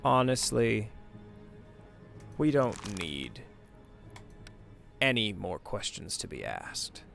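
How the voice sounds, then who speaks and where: A man's voice: on the low side, sing-song, takes it slowly, creaky, a bit bright. A man hosting a gaming video, reading game text aloud and muttering casual commentary to himself. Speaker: gaming host. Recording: game music behind the voice. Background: game music.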